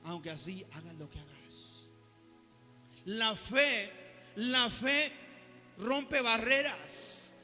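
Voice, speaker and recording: A man preaching a sermon, moving between quiet, soft-spoken asides and loud, fervent exhortation. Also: very high-pitched. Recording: reverberant hall with soft music behind.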